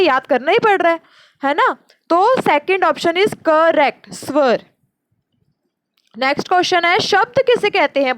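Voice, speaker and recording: A woman teacher explains exam questions, repeating and asking and answering her own questions, and slows down sharply to give each answer. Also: high voice, dry recording. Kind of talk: exam-prep lecture.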